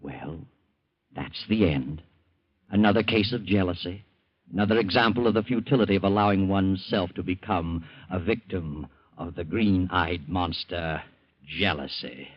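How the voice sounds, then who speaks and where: The Whistler, deep sinister narrator. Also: male voice, moderate pace, husky. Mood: sinister, mocking. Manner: ominous, theatrical, dramatic. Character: sinister, mocking, omniscient mystery narrator. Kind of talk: 1940s radio noir narration. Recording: dull vintage radio recording.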